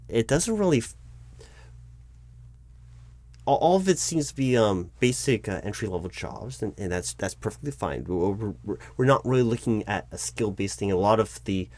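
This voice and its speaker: A low-pitched man takes the role of an awkwardly polite, flustered recruiting manager, carrying a one-sided interview roleplay. His speech is hesitant and full of repeated words.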